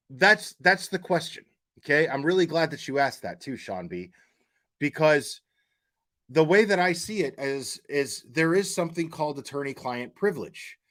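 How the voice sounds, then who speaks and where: The host of this casual true-crime livestream has a slightly high, somewhat bright voice. He states his views emphatically and bluntly, with profanity, often circling back over the same words while he pieces his argument together.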